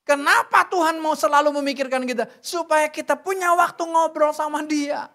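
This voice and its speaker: A woman's voice: high voice, fairly even intonation, normal speed, a bit bright. Chatty, joking middle-aged woman preacher. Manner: chatty, joking preaching with many rhetorical questions. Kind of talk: sermon. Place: church service.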